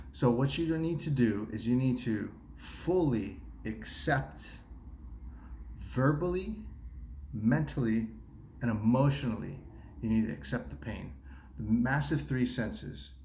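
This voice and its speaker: A man's voice: mid-range voice, a little mellow, echoey room, slight background noise. A man giving earnest self-help advice to the camera, repeating himself and restarting phrases as he coaches viewers through pain. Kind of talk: earnest motivational talk to camera. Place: seated at a table.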